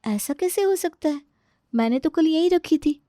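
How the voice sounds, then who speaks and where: A woman's voice: sits high, expressive, moderate pace, dark tone, dry recording, studio quality, voice pushed up. A woman voicing a meek, anxious young bride in a cartoon story, apologetic and pleading.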